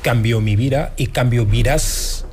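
A man who leads an immigrant association, explaining things in a formal, measured way in an interview. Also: medium pitch, a little mellow, a little hiss or hum. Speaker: association leader. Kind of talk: interview answers.

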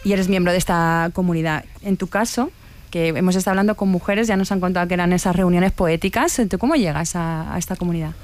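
A woman hosting a radio interview from a studio, introducing her guests at length in a measured way. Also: fairly low pitch, darkish tone. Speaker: radio host.

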